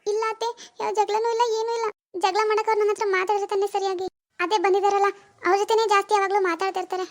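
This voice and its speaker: A woman's voice: very high voice, level tone, very fast. A woman acting as a young wife who suspects her husband, wondering aloud in an anxious, questioning way. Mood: hesitant. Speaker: actor in a family web drama. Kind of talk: amateur family drama acting.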